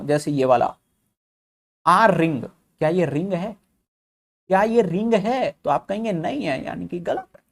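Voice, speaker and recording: A male teacher with a Hindi accent giving a whiteboard lesson, explaining step by step and calling viewers brother, reading English statements slowly. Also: on the high side, gravelly, a little mellow.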